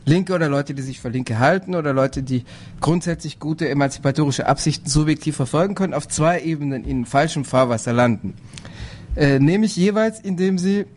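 A man speaking on a political panel, measured and hesitant, with frequent fillers and restarts. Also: fairly high pitch, darkish tone. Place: lecture hall.

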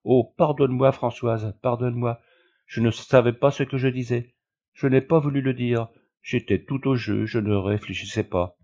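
A man's voice: fairly even intonation, moderate pace, dark tone, lightly acted. A man reading aloud voices a remorseful little girl, tearful and pleading, in a slightly raised voice on a dull lo-fi recording. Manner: sobbing, pleading, raised pitch.

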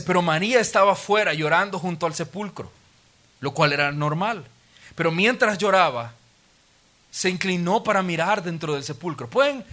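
A man, preaching a sermon as a pastor and retelling the story in an animated, vivid way. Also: high voice.

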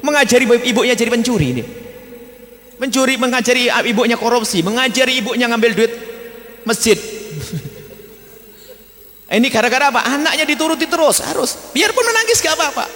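A man preaching a religious study sermon, emphatic and blunt, sometimes scolding and sometimes gentle. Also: extremely high pitch, fairly quick, long pauses, big-room sound. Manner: emphatic, blunt scolding mixed with tender asides.

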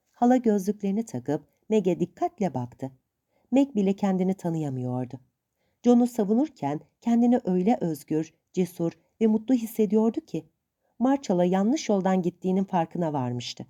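A woman narrating a storybook in an expressive, measured way. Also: medium pitch, dull audio.

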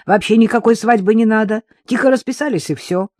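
A blunt young groom in an audiobook who mutters sarcastic remarks, as a narrator puts him on. He sounds curt and stubborn. The tone is warm and dark, and the recording is dry. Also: mid-range voice, a little fast, dry recording, voice pushed up, lightly acted. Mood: insistent. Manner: sarcastic, grumbling.

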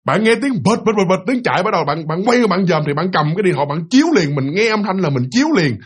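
Husky-voiced man telling a ghost story. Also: high voice, animated, fast. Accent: Southern Vietnamese. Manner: addresses listeners as "you", acts out sounds. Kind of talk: casual spoken ghost story.

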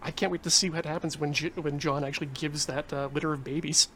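A man's voice: fairly high pitch, fairly even intonation, fast, fairly bright tone, a little hiss or hum. Playful man with a raised voice. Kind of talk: casual comedic chat.

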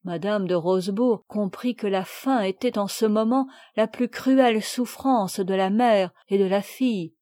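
A woman reading a classic children's novel aloud with measured, expressive storytelling. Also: mid-range voice, dry recording, studio quality. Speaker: audiobook reader.

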